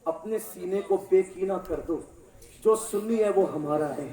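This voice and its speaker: A man preaching a sermon to a congregation, impassioned, swinging from loud shouts to low, quiet lines. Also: unhurried. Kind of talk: Urdu-Hindi religious sermon to a congregation. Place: large hall or mosque gathering. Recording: echoey distant mic in a hall.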